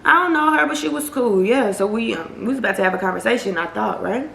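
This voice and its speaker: A young woman vlogger telling a story in a casual, animated, slangy way. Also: fairly high pitch, fast talker, creaky, slight background noise. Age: young adult. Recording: roomy echo.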